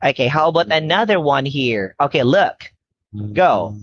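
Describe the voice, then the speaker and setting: A woman with a Filipino accent teaching English online to a young child. She speaks slowly and clearly, coaxing the child along and praising every answer. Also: sits low, big pitch swings, no echo, muffled recording. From Philippines. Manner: slow, clear, cheerful coaxing with frequent praise.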